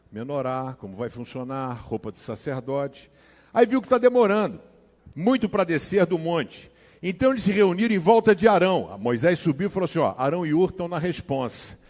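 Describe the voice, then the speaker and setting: Animated Brazilian pastor in a reverberant hall. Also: male voice, a little high. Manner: animated, slangy, swings between hushed asides and loud dramatic bursts. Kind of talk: sermon with personal storytelling.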